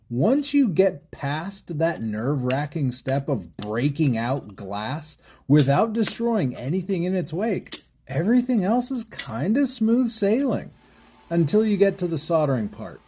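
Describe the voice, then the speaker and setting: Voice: mid-range voice, very animated, a little slow, warm tone, a little hiss or hum. A stained glass artist hosting a craft tutorial in voice-over, playful and jokey, with puns and frequent chuckles.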